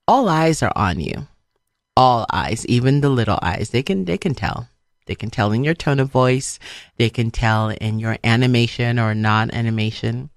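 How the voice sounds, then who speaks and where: Speaking with a bass voice, this middle-aged woman from Liberia hosts a motivational radio segment, driving her points home with emphasis and repetition. The sound is studio quality with no room sound.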